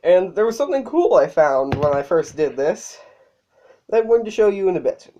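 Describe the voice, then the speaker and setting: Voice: mid-range voice, very animated, normal speed, warm tone, a little hiss or hum. A toy reviewer talking casually through a hands-on review, sick and a little out of breath, with fillers and self-corrections. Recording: dull lo-fi recording.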